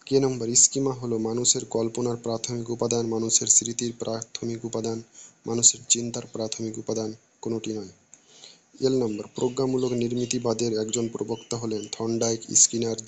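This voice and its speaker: Guy reading out exam questions, pretty monotone, middle pitch, steady, trips on a word now and then. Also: a little hiss or hum. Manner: flat, steady reading with small restarts. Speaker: teacher reading an exam paper.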